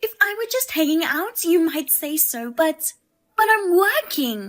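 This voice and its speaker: A pushy sister-in-law with a high, piercing voice, as a woman puts her on. She talks in a sharp, demanding and insulting way. This is a narrated storybook drama. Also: very animated, a little slow, full character voice. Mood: scornful.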